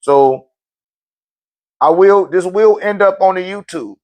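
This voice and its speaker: Answering viewer questions during his spiritual live stream, a man talks in loose slang with an easygoing, conversational manner. His voice sits high and his pace is slow.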